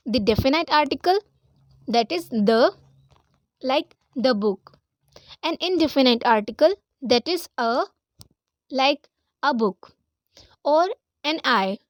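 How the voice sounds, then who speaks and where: A woman teaching an English grammar lesson. She reads the English example lines slowly and carefully and often checks in with her listeners. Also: high-pitched, no room sound, studio quality. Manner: slow, deliberate reading of English example lines, checks in with "theek hai?". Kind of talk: grammar lesson in Hindi-Urdu.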